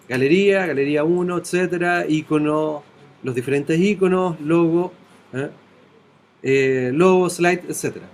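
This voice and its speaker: A man, teaching in a classroom. He takes the software one step at a time and often stops to ask whether his students are following. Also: fairly high pitch. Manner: talks step by step, checking in with students. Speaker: web design teacher.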